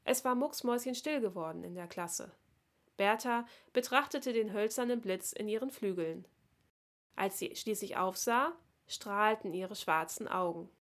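A woman reading a children's Christmas story aloud in a calm, expressive voice. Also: mid-range voice, unhurried.

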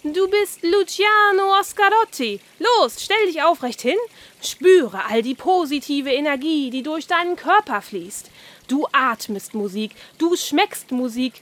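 A woman voicing an excitable, bossy male carp who coaxes in a high, gushing, theatrical way. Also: unhurried. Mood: exuberant.

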